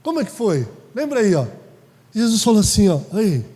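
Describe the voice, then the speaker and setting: A pastor preaching a sermon in a conversational way, asking the congregation questions. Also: male voice, high voice, sing-song, a little fast, mellow. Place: church hall. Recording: reverberant church hall.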